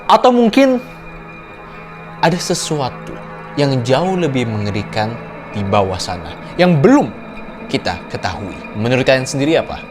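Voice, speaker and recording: Hosting a horror reaction video over music, a man delivers dramatic, suspenseful storytelling commentary full of rhetorical questions and exclamations. His mid-range voice is sing-song, at normal speed with long pauses.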